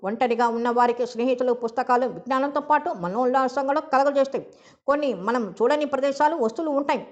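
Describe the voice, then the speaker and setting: Woman reader as an earnest, lecturing mother, slightly high voice, dull lo-fi sound. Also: quick pace, natural voice. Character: stern middle-aged mother who lectures her daughter.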